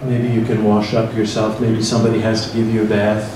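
A middle-aged man with a Midwestern American accent speaks from far across a big church hall, and his voice echoes strongly off the walls. He tells the story slowly and reflectively, addressing the listeners directly. Steady room noise sits under his words. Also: lowish voice. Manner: slow, reflective second-person storytelling. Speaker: priest leading a church forum. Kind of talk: guided meditation and interactive forum talk. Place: large church hall with tables of people. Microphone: handheld mic, filmed from far across the room.

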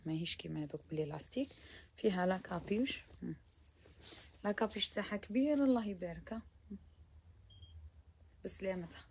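A woman's voice: fairly low pitch, vocal fry, darkish tone, husky. A woman with an Algerian Arabic accent showing abayas to viewers in a chatty shop walkthrough, mixing in French words and sometimes dropping to a near whisper. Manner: chatty, mixes French words, praising each garment. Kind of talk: live shopping try-on walkthrough.

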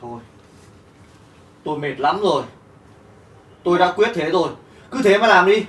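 An actor playing a tired young husband and son, blunt and fed up. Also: male voice, high voice, lively intonation, normal speed, fairly bright tone, a little hiss or hum. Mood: resolute. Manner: blunt and tired, then contrite. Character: weary son and husband, gives up his mother, repents. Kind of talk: melodrama acting. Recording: roomy, distant mic, music behind.

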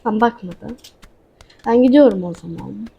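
A woman's voice: medium pitch, measured pace, creaky, lo-fi sound, a little hiss or hum. A woman hosting a gaming channel, chatting casually to her viewers as she plays and talking back to a character in the game. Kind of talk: casual let's-play commentary.

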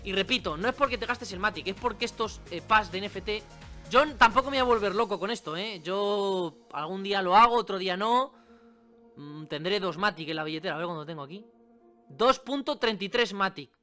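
Chatty bright-voiced man explaining. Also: high voice, fairly quick, faint music behind. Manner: chatty, informal, many asides and tag questions. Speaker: crypto channel host. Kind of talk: screen-recorded tutorial.

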